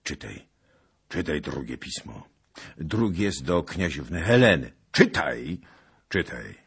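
A man voicing a wild young Cossack warrior in a hushed, hoarse voice in an audiobook. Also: rumbling low, big pitch swings, slow pace, heavily acted. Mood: hoarse urging.

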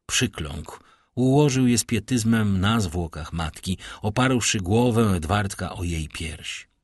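A man reads a classic novel aloud in a measured, grave manner. His low voice is slightly husky and unhurried, and the sound is close and dry. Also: animated, no room sound. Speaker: audiobook narrator. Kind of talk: dramatic literary narration.

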